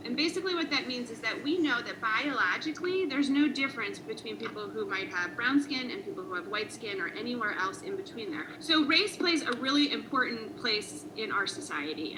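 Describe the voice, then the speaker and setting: A woman's voice: on the high side, noisy background. A woman explaining identity terms in a patient, teacherly way, leading a guided conversation. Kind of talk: guided identity worksheet discussion.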